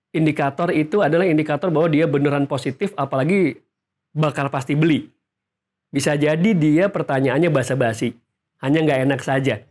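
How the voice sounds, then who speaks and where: A man's voice: fairly high pitch, a little mellow. A man coaching salespeople in an instructional video, talking energetically and straight to the viewers. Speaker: sales trainer. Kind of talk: instructional video talk to camera.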